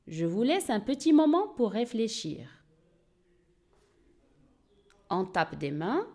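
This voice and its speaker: Woman teacher doing a reading lesson, super slow, says every word twice, bit high and mellow. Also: sing-song. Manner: slow, clear, repeats words for pupils to echo. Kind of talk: early-reading lesson for young learners.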